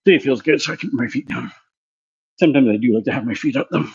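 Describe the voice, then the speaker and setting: A man with a mid-range, slightly dark voice and some vocal fry talks fast as he walks through his gym workout between sets, out of breath from the effort. He's a physiotherapy clinic presenter demonstrating exercises in a casual vlog, and the recording sounds muffled.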